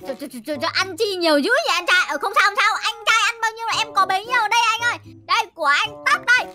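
A woman's voice: extremely high pitch, lively intonation, racing. A woman voicing a pushy, chirpy female dessert seller with repetitive sales patter in a game skit. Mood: eager. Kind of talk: animated Minecraft skit voice acting. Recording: loud children's music behind the voice.

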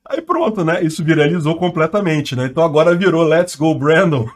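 Man, Brazilian Portuguese accent, slightly high pitch, channel host, casual news commentary, slangy, laughs often.

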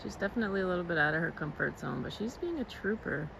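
With a lowish, gravelly voice, lively intonation, and a quick pace, a young woman vlogs from a forest campsite against a noisy background. She lives in her car and rambles aloud with lots of fillers, holding her phone camera at arm's length.

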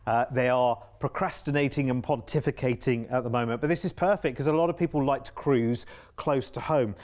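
An English man with a mid-pitched voice co-hosts a TV shopping segment. His patter is upbeat and he repeats words for emphasis, recorded on a studio mic. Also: brisk, darkish tone. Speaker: cruise sales presenter. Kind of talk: TV shopping channel presenting.

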